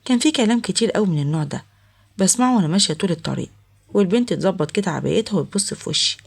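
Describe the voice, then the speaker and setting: Rapid husky Egyptian woman storyteller. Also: medium pitch, lively intonation. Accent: Egyptian Arabic. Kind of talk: first-person story narration.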